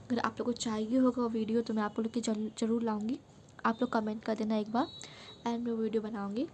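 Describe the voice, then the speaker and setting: A woman's voice: on the high side, slight background noise. A young woman vlogger from Bihar, India, telling a casual storytime monologue in a frank, emphatic way, with English words mixed in. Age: young adult.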